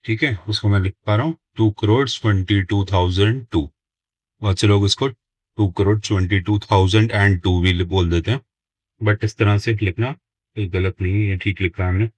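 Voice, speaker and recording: A maths teacher with a deep, low voice walks through a lesson step by step. He slows down to dictate each number word by word as he writes it. The sound is dry and close, with no room echo. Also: steady tone, husky. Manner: slow, deliberate, dictates numbers word by word while writing.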